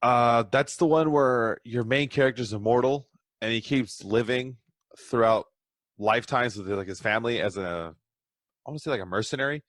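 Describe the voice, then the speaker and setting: A man's voice: medium pitch, normal speed, a bit bright, no echo, studio quality. A man chatting casually as a podcast guest, rambling through stories with a self-deprecating streak. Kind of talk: casual chat.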